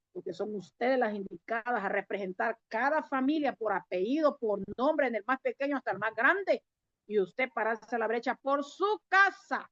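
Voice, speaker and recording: A woman's voice: fairly high pitch, no echo. A woman preaching a sermon in a conversational way, talking straight to her listeners and asking them questions. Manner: conversational, direct address with rhetorical questions. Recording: dry, dull lo-fi recording.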